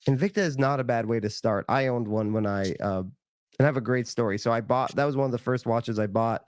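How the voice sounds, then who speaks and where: A man's voice: medium pitch, fairly quick, no echo, clean studio sound. A man chatting casually as a guest, easygoing and a bit hesitant, with lots of "like" and restarts. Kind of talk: casual chat.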